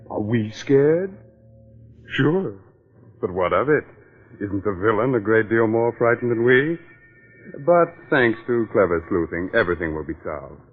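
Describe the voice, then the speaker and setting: Low, teasing radio mystery host; muffled old broadcast. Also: male voice. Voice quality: wry, teasing delivery. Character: mocking, sardonic male horror host. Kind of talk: 1940s radio acting.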